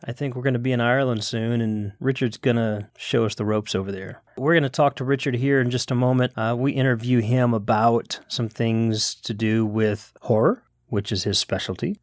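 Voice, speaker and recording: A man's voice: mid-range voice, fairly even intonation, moderate pace, few pauses, no room sound, studio quality. A man co-hosting a podcast, talking in an enthusiastic, rambling way on a video call. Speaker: podcast co-host. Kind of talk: casual podcast chat. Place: home setup on a video call.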